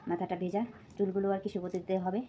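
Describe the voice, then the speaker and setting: In her home kitchen, a young woman with a Bengali accent, a vlogger with two kids, chats to viewers like friends while cutting vegetables, quietly and a little winded, using many fillers. Her mid-range delivery is flat and rapid-fire, the highs are cut off, and there is slight noise behind her.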